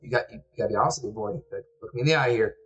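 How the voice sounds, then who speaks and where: A man's voice: fairly low pitch, racing, fairly bright tone, lo-fi sound, close to an everyday voice. Man doing a stammering conspiracy-minded dad. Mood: prying. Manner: rambling, stammering, blunt. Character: suspicious conspiracy-minded middle-aged dad.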